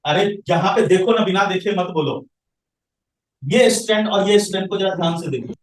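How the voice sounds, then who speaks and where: A man's voice: sits high, fairly quick. A male science teacher lecturing a classroom, quizzing students and answering his own questions. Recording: echoey room, voice from far off the mic.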